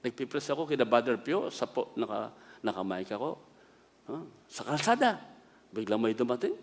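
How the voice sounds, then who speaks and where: A middle-aged man with a Filipino accent preaches from the pulpit in a medium-pitched voice. He mixes stories with calls of "Amen?" and moves between hushed asides and loud declarations. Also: very animated, moderate pace, in a large hall. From Philippines. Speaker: bishop and preacher. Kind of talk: sermon.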